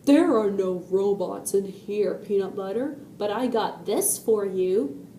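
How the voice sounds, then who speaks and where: A woman voicing a caring girl in a storybook reading, speaking softly and soothingly to her pet mouse. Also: on the high side, expressive, takes it slowly, echoey room, distant mic, a little hiss or hum.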